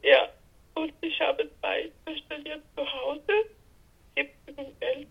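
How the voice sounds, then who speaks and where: A middle-aged woman on speakerphone, her voice choppy and muffled over a phone line, talking in a halting, hesitant way as she searches for words. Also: sits high, fairly even intonation, creaky. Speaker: caller seeking counsel. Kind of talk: personal consultation call.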